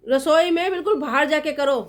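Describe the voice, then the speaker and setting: A woman's voice: high-pitched, a little fast. A woman in her thirties chatting casually to the camera as a family vlogger, teasing and laughing often. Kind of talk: casual vlog chat.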